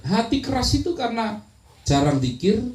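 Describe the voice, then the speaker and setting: A man giving a religious lecture in an animated way, sometimes dropping into soft prayerful murmurs. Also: very high-pitched, moderate pace, roomy sound, rough recording. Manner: animated, shifts into soft prayerful murmurs when demonstrating zikir. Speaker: preacher.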